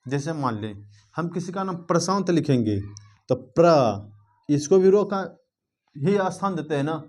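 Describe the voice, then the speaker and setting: Man teaching grammar, raised pitch. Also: expressive, normal speed, a little mellow. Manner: drills with repeated check-ins, asking the class questions. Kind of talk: grammar lesson.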